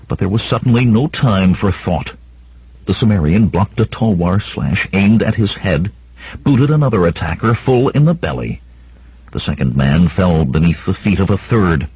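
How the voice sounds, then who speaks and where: A man narrating an adventure audiobook in a steady, measured way, with a husky voice, recorded close to the mic. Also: no echo, low-quality recording. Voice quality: deep and husky. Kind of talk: scripted narration.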